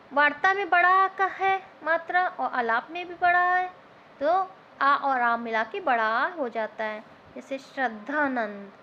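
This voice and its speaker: A woman teacher, explaining grammar step by step and asking and answering her own questions. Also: high-pitched. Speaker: Hindi teacher. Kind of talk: classroom grammar lesson. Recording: slightly dull lo-fi recording with faint noise.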